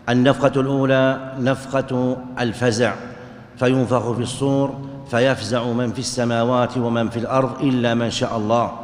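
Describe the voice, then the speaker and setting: A man's voice: medium pitch, a little mellow. Man teaching in an echoey hall. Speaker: religious teacher. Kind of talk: explaining hadith in a lecture. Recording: echoey hall with long reverb.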